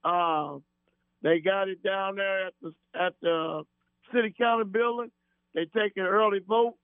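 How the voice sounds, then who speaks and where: Guy calling in to a radio show, tinny phone line w/ mains hum, high voice, slow and halting. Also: clear, resonant tone, no echo. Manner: halting, many fillers and restarts; earnest and folksy. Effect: radio show caller on a phone line. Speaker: caller. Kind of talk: call-in chat.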